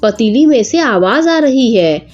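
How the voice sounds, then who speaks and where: A woman's voice: on the high side, animated, measured pace, a little mellow, highs cut off, faint music behind. A woman voicing an honest, simple young village man who speaks earnestly.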